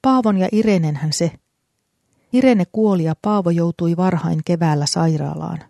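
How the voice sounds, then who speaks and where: A reader voicing an old grieving man who speaks softly but firmly in an audiobook. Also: mid-range voice, creaky, no echo, clean studio sound, lightly acted. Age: older. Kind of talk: audiobook character voice.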